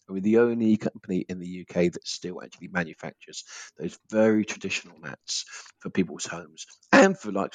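A man's voice: sits low, no echo, rough recording. A man with an Essex accent chatting informally as a guest in a conversational interview. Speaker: podcast guest, business owner.

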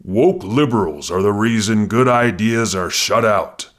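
A man's voice: lowish voice, animated, a little slow. A man voicing a male announcer in a mock political campaign ad, emphatic and salesy.

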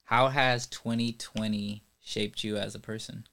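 A man hosting a podcast in a relaxed, chatty way, talking to a guest. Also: on the low side, a little slow. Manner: relaxed, chatty, laughs easily. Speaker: podcast host. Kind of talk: casual podcast chat.

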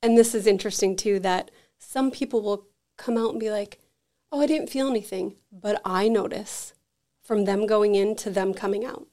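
A woman who runs an energy healing center is a podcast guest, telling animated anecdotes in chatty, casual talk full of "like." Her voice is medium-pitched at a normal speed.

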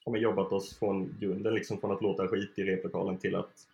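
A relaxed young man from Sweden chats about his band in a loose, unhurried way, dropping fillers and laughing easily. His voice sits fairly low, and the room around him rings with a noticeable echo. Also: vocal fry, lo-fi sound. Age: young adult. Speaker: band member, guest. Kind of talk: casual interview chat.

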